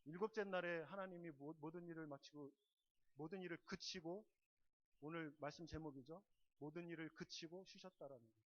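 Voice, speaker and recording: Male pastor, mid-high voice, preaching. Emphatic bursts, quiet asides, keeps questioning the congregation, dull lo-fi sound. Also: a little fast. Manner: swings from loud emphatic stresses to soft, low asides; asks the congregation repeated questions. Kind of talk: sermon. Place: church service.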